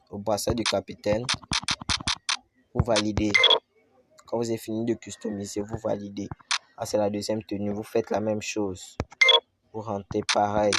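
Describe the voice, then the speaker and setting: Male tutorial host, deep-ish even delivery, repetitive step-by-step explainer, noisy recording. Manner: slow step-by-step explaining, repeats himself. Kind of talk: screen-recorded game tutorial. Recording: loud background noise.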